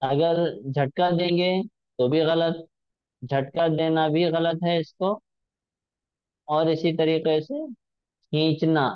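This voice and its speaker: A man's voice: a little high, takes it slowly, long pauses, smooth, no echo, highs cut off. A male teacher giving a patient recitation lesson, drawing out sounds to demonstrate them.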